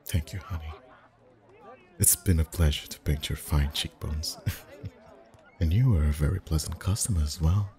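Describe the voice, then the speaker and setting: In an intimate ASMR roleplay, a voice actor becomes a festival face painter whose extremely low, mellow voice sounds warm and pleased. He chats at normal speed with long pauses, teasing gently and flirtatiously and chuckling softly in this one-sided conversation.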